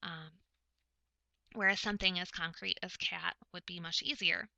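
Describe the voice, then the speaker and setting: A woman giving a recorded lecture, explaining topics step by step in a measured way with frequent pauses. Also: fairly low pitch, fairly even intonation, creaky, pushed and bright, no room sound, poor audio. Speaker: presenter explaining speech of the hard of hearing.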